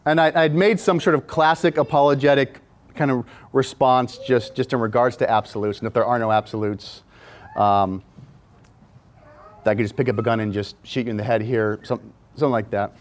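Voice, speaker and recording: A man's voice: medium pitch, steady tone, fairly quick, slight background noise. Rambling man telling a story. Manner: rambling, with frequent restarts and repeated words. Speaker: music video and film director, guest. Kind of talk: casual anecdotal storytelling.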